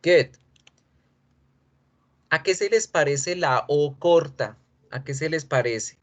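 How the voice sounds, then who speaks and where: Male teacher running a pronunciation lesson, patient and repetitive. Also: on the high side. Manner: explains patiently, repeats model words slowly. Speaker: English teacher.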